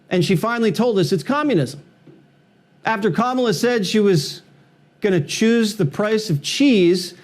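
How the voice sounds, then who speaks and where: A man's voice: sits high, darkish tone. A man delivering a scripted satirical political monologue in a sarcastic, mocking and punchy manner. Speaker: television political commentator.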